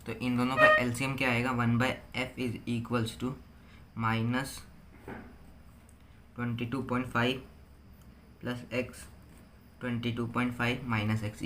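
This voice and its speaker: A teenage boy tutoring, working through a physics problem step by step and reading each number out slowly. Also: mid-range voice, fairly even intonation, bright, forceful tone, a little hiss or hum. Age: teens. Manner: slow, step-by-step, reads numbers out one by one. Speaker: student tutor.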